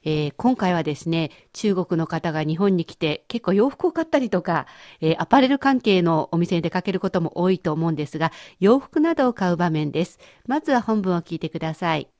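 A woman leading a radio language lesson who explains words clearly and patiently. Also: on the low side, animated, fairly quick, hardly any pauses, darkish tone, dry recording, studio quality. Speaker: language teacher.

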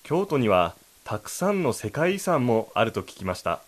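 A man's voice: medium pitch, sing-song, moderate pace. A man co-hosting a language lesson, explaining and rephrasing lines in a polite, explanatory manner. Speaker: co-host.

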